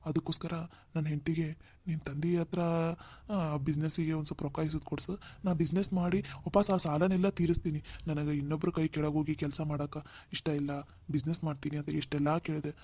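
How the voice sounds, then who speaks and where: A man voicing a humbled, jobless older brother in a cartoon drama, speaking gently. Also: fairly high pitch, little pitch movement, a little fast. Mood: regretful. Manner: gentle, pleading, dialect-heavy.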